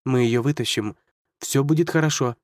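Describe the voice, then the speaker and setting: A man doing a gentle soothing woman. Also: medium pitch, normal speed, no echo, clean studio sound, lightly acted.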